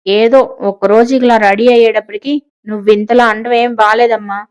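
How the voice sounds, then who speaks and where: A woman's voice: fairly high pitch, flat delivery, fairly quick, smooth, muffled recording, lightly acted. A woman voicing a playful, sarcastic teenage girl in an audiobook story. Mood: cheeky. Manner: sarcastic, casual.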